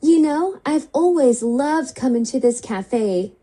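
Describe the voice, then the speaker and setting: A woman's voice: sits high, animated, takes it slowly, dark tone, full character voice. A woman whose voice is run through an app voice-changer preset, playing a chatty young woman at a cafe. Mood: friendly. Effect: app voice changer preset giving a processed woman's voice.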